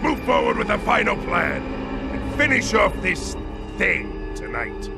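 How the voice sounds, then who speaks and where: An actor voicing a cruel, imperious baron in a video game, with a deep, gravelly voice and pompous, menacing delivery. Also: male voice, huge pitch swings, a little slow, exaggerated voice. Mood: furious, commanding. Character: tyrannical male baron, cruel, imperious villain. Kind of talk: animated video game acting. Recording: game music behind the voice.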